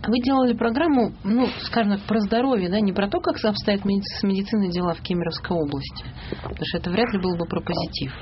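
A woman in her thirties interviews her guest, firing off quick, probing questions. Her voice comes through slightly muffled, with a clear hiss underneath. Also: mid-range voice. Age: 30s.

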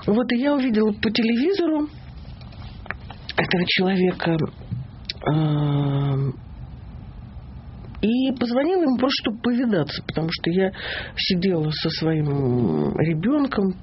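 A woman's voice: medium pitch, very animated, unhurried, long pauses, a little hiss or hum. Confident woman storyteller, slightly muffled audio. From Kemerovo region, Russia. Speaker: interview guest, TV presenter. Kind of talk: relaxed storytelling in an interview.

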